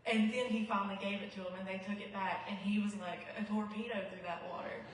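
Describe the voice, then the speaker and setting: A woman who calls herself quiet, giving an earnest, heartfelt memorial speech. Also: mid-range voice, fairly even intonation, fast. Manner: self-described quiet, not a talker; earnest and heartfelt. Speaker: eulogy speaker. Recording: echoey hall, mic far off.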